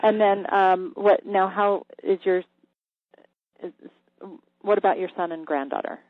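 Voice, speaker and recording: A radio host giving an energy healing reading to a caller, calm and halting, sometimes dropping to a whisper while checking. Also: mid-range voice, dry recording. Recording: thin phone-like line, dry.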